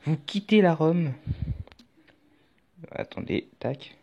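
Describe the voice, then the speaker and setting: A man's voice: on the high side, slow pace, vocal fry, warm tone. A man talking through a casual tutorial in a chatty, rambling way with jokey asides. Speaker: YouTube tutorial host. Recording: dull lo-fi audio with faint music.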